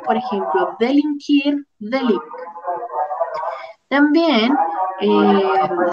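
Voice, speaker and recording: A woman's voice: high-pitched, poor audio. A woman teaching a grammar lesson, carefully drilling verb forms one by one. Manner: careful, drilling word lists. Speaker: Spanish teacher.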